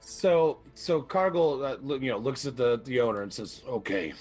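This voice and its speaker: A man's voice: mid-range voice, animated, moderate pace, a little mellow, soft background music. A man playing in a tabletop game, chatting and joking with the group. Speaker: player. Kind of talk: casual tabletop play.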